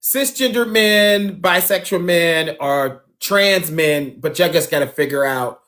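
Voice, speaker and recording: A man's voice: a little high, takes it slowly, pushed and bright. Chatty man hosting a livestream. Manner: chatty, laughs often, addresses viewers directly. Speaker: dating show host. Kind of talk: casual livestream interview.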